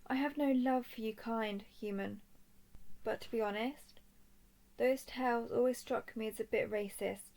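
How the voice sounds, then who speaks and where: Woman as Aruna, composed dragon princess with creaky voice. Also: on the high side, steady tone. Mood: formal, probing. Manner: formal, deliberate, soft-spoken. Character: young royal female dragon empath, composed, curious captor. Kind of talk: scripted roleplay audio drama.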